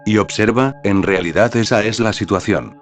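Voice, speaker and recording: Low-pitched male narrator for a meditative teaching script, steady and instructive, faint music bed. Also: normal speed. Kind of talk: scripted narration of a spiritual talk. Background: faint background music.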